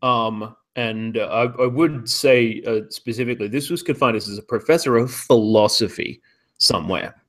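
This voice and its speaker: A man's voice: mid-range voice, moderate pace. A man co-hosting a podcast in casual chat, ranting sardonically and swearing freely. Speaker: podcast co-host.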